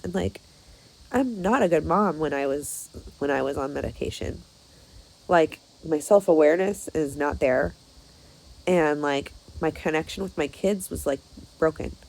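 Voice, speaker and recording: Hoarse woman talking haltingly. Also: low-pitched, a little mellow, poor audio. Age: 30s. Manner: halting, full of fillers. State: losing her voice. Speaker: vlogger. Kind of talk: personal vlog talk.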